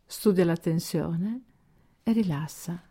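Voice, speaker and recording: A woman guides a progressive muscle relaxation exercise as a scripted narration, giving calm, measured instructions with deliberate pauses. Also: on the low side, breathy edge.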